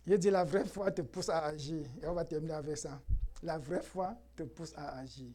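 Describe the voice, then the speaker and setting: A man whose voice is a little high speaks at a normal speed as he preaches to his church. The pastor is animated and forceful, often laughing and throwing rhetorical questions to the congregation.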